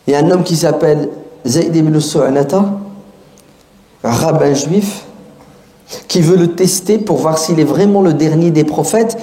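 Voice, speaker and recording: A man preaching in an easygoing, street-casual way, peppering his listeners with rhetorical questions. His voice sits fairly high yet sounds soft and mellow. The room around him is roomy and echoey. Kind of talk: colloquial sermon to an audience.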